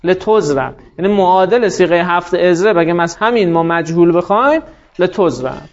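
A man teaching a grammar class in a notably high voice, walking through each rule step by step. He keeps turning to students with questions, calling on them by name. The recording is dull and lo-fi. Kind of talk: classroom lecture.

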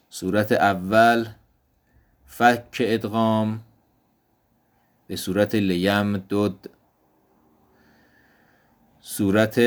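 A man teaching an Arabic grammar lesson, explaining step by step and repeating each example word slowly. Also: fairly low pitch. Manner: slow, deliberate explanation, repeating example words.

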